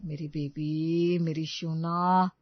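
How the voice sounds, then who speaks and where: A pleading young husband in a cartoon story, as a woman puts him on, soft-spoken and forever coaxing. The voice sits mid-range and the take is dry and dull. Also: medium pitch, brisk, no echo, lightly acted. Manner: coaxing, placating tone.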